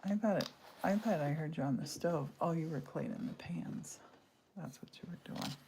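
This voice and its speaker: This woman is in her sixties and talks through her crafting on a home-studio livestream, picked up by the device mic. She is chatty, wanders off topic and cuts herself off, speaking at a moderate pace in a low voice with vocal fry over background noise.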